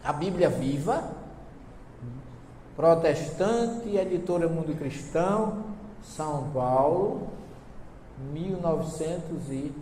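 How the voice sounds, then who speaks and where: A man's voice: fairly high pitch, dark tone. A man with a Northeastern Brazilian accent giving a seminar talk, telling stories with humor and asking his audience questions. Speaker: seminar lecturer on Bible translations. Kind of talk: lively seminar talk with anecdotes. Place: lecture hall before an audience. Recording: echoey hall with long reverb, faint hiss.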